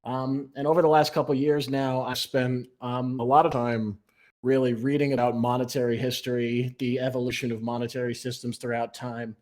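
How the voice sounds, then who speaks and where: A male podcast guest who explains his points at length in a steady, measured way. His speech is dotted with "um" and "you know", and his voice sits at a middle pitch. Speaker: guest, newsletter writer. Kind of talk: explanatory interview talk.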